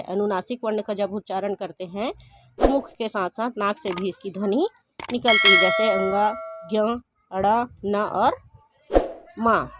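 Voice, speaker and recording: A woman teaching a grammar lesson, asking questions and answering them herself, and repeating each definition slowly. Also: a little high, background noise.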